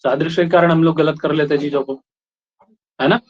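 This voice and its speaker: A man's voice: fairly high pitch, steady tone, brisk. A man from India teaching a class, explaining points and checking in with the students with short questions. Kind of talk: classroom lecture. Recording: lo-fi classroom recording.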